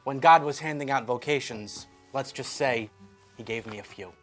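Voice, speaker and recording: An actor playing a sly, smooth-talking salesman and swindler with folksy, wordy, persuasive patter. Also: medium pitch, normal speed, fairly bright tone, natural voice. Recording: film soundtrack with faint music.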